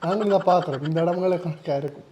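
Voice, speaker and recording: A man's voice: sits high, rapid-fire, dull audio, heavy background noise. A man with a Jaffna Tamil accent, complaining and whining in a comic sketch. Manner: whiny, complaining loudly. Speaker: comedian in a sketch.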